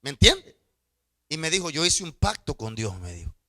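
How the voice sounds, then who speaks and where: A man preaching to his church, jumping between loud, excited outbursts and low, confiding asides, often stammering over his words. His voice sits a little high and rings very bright. The sound is close and dry, with no room echo. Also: moderate pace. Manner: stammering repetitions. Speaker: pastor. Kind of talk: sermon with storytelling.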